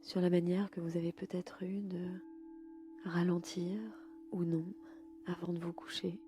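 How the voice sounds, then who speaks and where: A woman leading a guided yoga nidra sleep meditation in a slow, soft and soothing way. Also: on the low side, little pitch movement, faint music behind.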